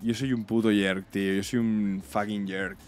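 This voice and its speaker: A man's voice: little pitch movement, moderate pace, darkish tone. A young man from Spain with a Spanish accent, reacting to a video in casual, blunt commentary full of slang and swearing. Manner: blunt, slangy and swearing, mocking others in shrill put-on voices. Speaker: reaction streamer.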